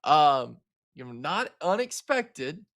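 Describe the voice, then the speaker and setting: A man's voice: on the high side, big pitch swings, slow pace, fairly bright tone. A man from Arkansas, hosting live weather coverage in a casual, chatty way, talking straight to his viewers. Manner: casual, chatty, talks to viewers as guys, frequent fillers. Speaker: livestream weather host.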